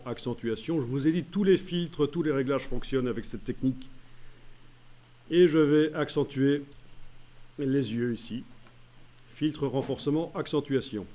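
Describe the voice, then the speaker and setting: Male software trainer, mellow tone, talks through each menu step with frequent hesitations. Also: mid-range voice. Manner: walks through menu steps aloud, many "euh" pauses. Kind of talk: screen-recorded tutorial.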